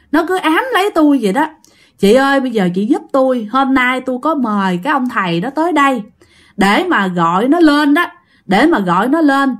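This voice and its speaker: A woman voicing a desperate, weeping mother haunted by a ghost, pleading for help. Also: sits high.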